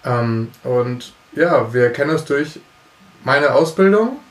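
A man's voice: medium pitch, lively intonation, slow pace. A man in his thirties, a youth pastor, co-hosting a casual podcast chat, talking loosely with frequent laughs and restarts. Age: 30s. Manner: chatty, laughs often, many restarts. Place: room set up for recording, indoors. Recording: echoey room.

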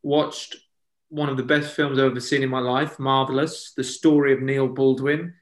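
A man's voice: mid-range voice, level tone, moderate pace. A man, co-hosting a casual podcast chat and telling jokey, self-deprecating stories. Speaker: podcast co-host. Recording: echoey room.

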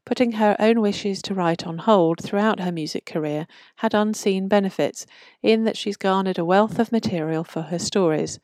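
A woman hosting a podcast, reading short fiction and author bios in a measured, deliberate way. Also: medium pitch, darkish tone, no room sound.

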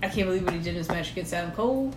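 A podcast co-host with a fairly low, expressive voice chats rapid-fire about wrestling, rambling and giggling with lots of fillers. She's recorded on a shared recorder in an echoey room with background noise.

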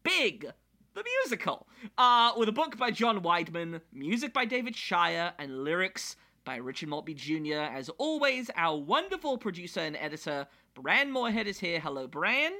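A man hosting a podcast, chatting casually in an animated, jokey way. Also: sits high. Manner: animated, jokey, quick asides. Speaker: podcast host.

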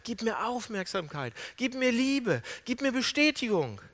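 A man's voice: very high-pitched, very animated, measured pace, fairly bright tone, pitched above the performer's own voice, heavily acted. A man voicing a younger brother who pleads intensely for his father's love. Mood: craving. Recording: long hall reverb.

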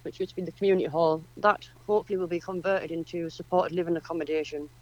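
A woman's voice: lowish voice, steady tone, fast, muffled recording. A woman from northeast England with a Durham accent, explaining things earnestly as a guest in a conversational radio interview. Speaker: community project representative, radio guest.

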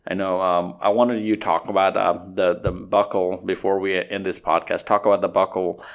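A man from Nepal, hosting a casual podcast interview in a halting way, with many fillers and restarts. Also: sits low, level tone, highs cut off. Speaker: podcast host.

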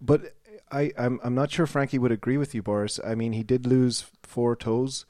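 A man's voice: mid-range voice, fairly even intonation, normal speed, dark tone, no room sound, studio quality, close to an everyday voice. A man playing a polite, earnest local interview show host, speaking a little hesitantly in a mock radio interview. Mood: hesitant, concerned.

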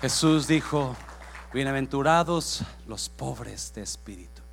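A male pastor, preaching a bilingual sermon that swings from shouting to hushed whispers and slips into English phrases. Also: medium pitch, lively intonation, measured pace, vocal fry, a faint crowd, a little hiss or hum.

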